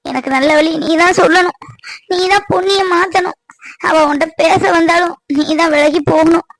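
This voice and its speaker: A woman's voice: high voice, steady tone, moderate pace, no room sound, natural voice. A woman voicing an anxious middle-aged village mother, earnestly pleading with her nephew in a cartoon. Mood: tearful pleading. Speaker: voice actor. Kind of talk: cartoon voice acting.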